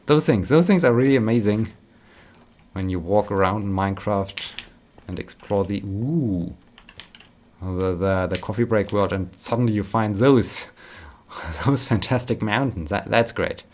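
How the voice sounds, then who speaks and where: A man's voice: fairly low pitch, measured pace. A man chatting casually while playing a game, rambling and repeating words, tired but upbeat. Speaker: gaming vlogger.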